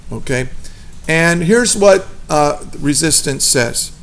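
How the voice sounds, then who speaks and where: A man's voice: on the high side, expressive, slow, vocal fry, a bit bright. A man teaching a physics class, casual and chatty, often checking in with the students. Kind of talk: classroom lecture.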